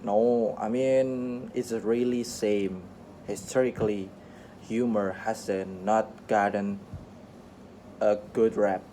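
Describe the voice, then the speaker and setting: Slow, low-voiced man reading haltingly. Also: fairly even intonation, warm tone, slight background noise. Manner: halting reading with frequent restarts and slips. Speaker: English teacher reading a radio interview aloud. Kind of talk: reading a script aloud for listening practice.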